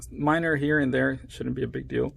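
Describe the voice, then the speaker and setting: Gravelly-voiced man explaining a repair. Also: medium pitch, fairly even intonation, moderate pace, fairly bright tone, no room sound. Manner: chatty, talks to viewers while working with his hands. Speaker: phone repair tutor. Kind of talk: casual step-by-step repair demonstration. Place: at his workplace, a repair shop.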